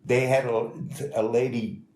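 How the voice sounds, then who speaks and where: An older man telling life stories in a casual, rambling, halting way, as an interviewee. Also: medium pitch, little pitch movement, darkish tone. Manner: rambling, halting, chuckling delivery. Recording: echoey room with faint noise.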